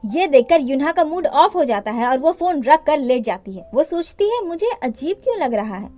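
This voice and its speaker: A woman casually retelling a drama plot, with chatty, playful asides to her viewers. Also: high-pitched. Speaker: drama recap narrator. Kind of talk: casual storytelling recap.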